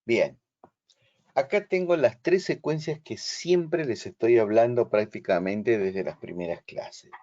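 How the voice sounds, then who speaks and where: A man with a Rioplatense Spanish accent giving a slow, explanatory online lecture and checking that his students follow. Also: medium pitch, warm tone, lo-fi sound. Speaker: instructor. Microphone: video call.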